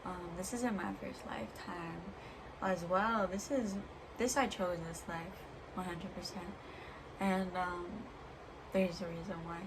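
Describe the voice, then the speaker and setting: A woman with a slightly low voice delivers a reflective personal monologue as a vlogger. She is earnest and halting, often pausing between short phrases. There is clear background noise in the recording. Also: fairly even intonation.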